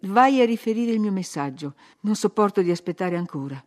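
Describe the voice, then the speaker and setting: A woman's voice: mid-range voice, animated, a little fast, darkish tone, lightly acted. A woman reading an audiobook, voicing a brooding, impatient young man who talks in an urgent, demanding way.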